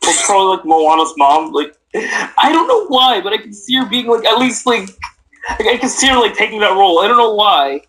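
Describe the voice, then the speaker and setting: A man's voice: high voice, sing-song, fairly quick, fairly bright tone, poor audio. A teenage boy co-hosting a casual podcast, rambling with lots of fillers and restarts. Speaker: podcast co-host. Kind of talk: casual chat.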